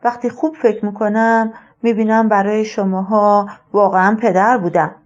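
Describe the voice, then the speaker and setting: A woman's voice: medium pitch, level tone, dull audio, close to an everyday voice. A woman reading a wistful retired old colonel. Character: retired elderly male colonel, wistful, rambling father.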